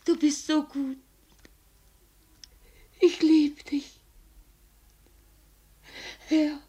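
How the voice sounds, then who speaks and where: In a 1950s German radio drama, an actress plays a tender, desperate abandoned mistress, halting, tearful and pleading into a telephone. Her female voice sits high, with a level, mellow tone and a pleading, hesitant mood.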